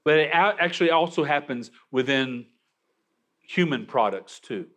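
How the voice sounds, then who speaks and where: A man's voice: on the high side, lively intonation, moderate pace, a bit bright. A man preaching a sermon, emphatic, with frequent restarts. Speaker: pastor.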